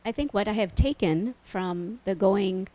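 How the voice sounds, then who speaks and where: A woman on a panel at a book launch, answering an audience question in a reflective, measured way. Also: medium pitch, mellow. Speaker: author on a panel.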